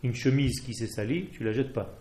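This man is a rabbi from Israel, a native Hebrew speaker with an Israeli accent, passionately urging on a Torah class. He speaks at medium pitch, fairly quickly and mellowly, in a roomy-sounding recording with slight background noise.

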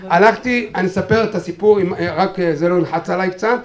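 At a memorial gathering, a man with a high-sitting voice tells a personal story animatedly, acting out quotes with sudden shouts amid many fillers and restarts. The eulogy builds into fervent urging of his listeners, with crowd noise in the background.

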